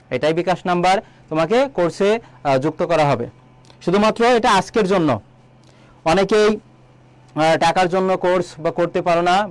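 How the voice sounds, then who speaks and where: A man teaching an online exam-prep lesson, asking students questions, answering them himself and repeating key words slowly. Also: high voice, no echo. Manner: quizzes students, then answers his own questions. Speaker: admission exam tutor.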